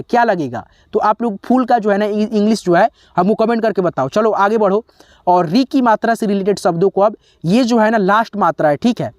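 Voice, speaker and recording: Man slowly spelling out words for learners. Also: high voice, dry recording, studio quality. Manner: spells out letters slowly, often says "theek hai"; addresses viewers as friends. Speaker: English teacher. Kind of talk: step-by-step spelling lesson.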